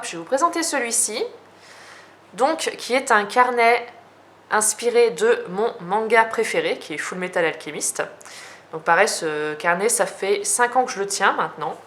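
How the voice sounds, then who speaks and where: A woman's voice: mid-range voice, lively intonation, normal speed, fairly bright tone. Chatty French woman vlogger. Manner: chatty, hesitant, many fillers and restarts. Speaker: journaling vlogger. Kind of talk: casual show-and-tell.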